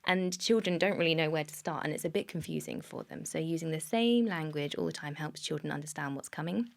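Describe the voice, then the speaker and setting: A woman with a fairly low, noticeably creaky voice speaks as a speech therapist advising parents. She explains in a conversational way and illustrates her points with simple example phrases. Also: fairly quick. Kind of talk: conversational expert advice for parents.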